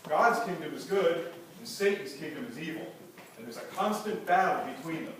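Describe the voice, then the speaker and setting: A man's voice: on the high side, animated, a little fast, fairly bright tone. Sir Gavin, a fatherly knight played by a man. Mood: earnest. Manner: fatherly, earnest lecturing. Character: Sir Gavin, stern but kindly knight mentor. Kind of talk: amateur church play. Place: church stage. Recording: echoey room from far off with noise.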